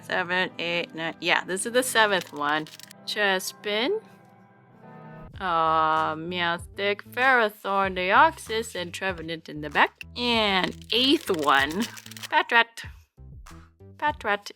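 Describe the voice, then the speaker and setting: Woman host, unhurried, bright clear tone, casual running commentary with faint music under it. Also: mid-range voice. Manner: chatty, thinks aloud, reacts to pulls with laughs and gasps. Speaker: channel host opening card packs. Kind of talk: casual pack-opening commentary.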